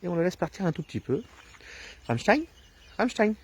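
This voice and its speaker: A man explaining dog training outdoors on a rural path, talking to viewers in a relaxed way with many hesitations, filmed alone on a handheld camera. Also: high voice, racing, breathy edge. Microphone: camera filming alone, held himself.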